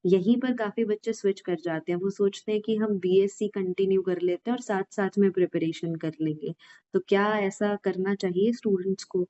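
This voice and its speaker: Over dull, lo-fi audio with a little hiss or hum, a woman with a fairly low, mellow voice hosts a podcast. She puts casual questions to her guest and keeps murmuring agreement to encourage them.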